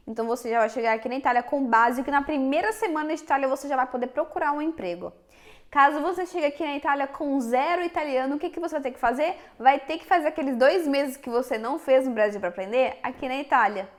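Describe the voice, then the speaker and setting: Fast and high-voiced, a young vlogger from Brazil chats straight to the camera in Minas Gerais-accented Portuguese, speaking frankly and directly to her audience.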